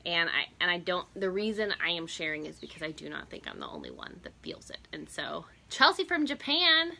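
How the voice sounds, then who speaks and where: A woman's voice: on the low side, huge pitch swings, fairly quick, gravelly, sharp tone. A woman hosting a casual live stream outdoors on a porch, chatty, greeting viewers by name and laughing often.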